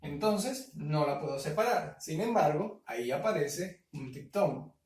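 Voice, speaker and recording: A male primary teacher with a fairly high voice talks pupils through a grammar worksheet. He slows down to pronounce example words syllable by syllable and keeps checking understanding with short questions. He sounds set back from the microphone in an echoey room. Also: lively intonation, a little mellow, distant mic. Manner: slow, syllable-by-syllable word spelling with frequent "¿verdad?". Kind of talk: recorded grammar lesson.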